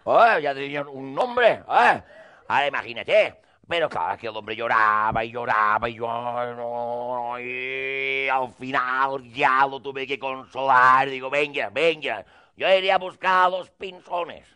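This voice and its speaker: A man's voice: mid-range voice, measured pace, pushed and bright, clear, resonant tone. A man telling a rambling, crude comic monologue in character, acting out both sides of the dialogue.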